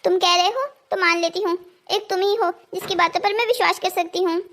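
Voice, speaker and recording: A woman's voice: very high-pitched, fairly even intonation, brisk, fairly bright tone. A woman voicing a confused, indignant twenty-one-year-old woman in a cartoon story. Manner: indignant, bewildered. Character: young woman of 21, confused and stubborn.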